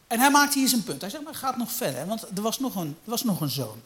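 A man delivers a sermon with a fairly high voice. He rises into loud, fervent bursts, then drops to hushed, low storytelling. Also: fast. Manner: animated, rising to loud emphatic peaks then dropping low and quiet. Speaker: preacher.

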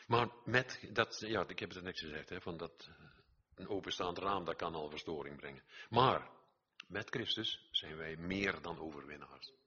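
Older earnest preacher, husky voice. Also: male voice, sits low, unhurried, bright, forceful tone, lo-fi sound. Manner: earnest, exhorting, repeats phrases, swells to emphatic peaks. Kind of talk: sermon.

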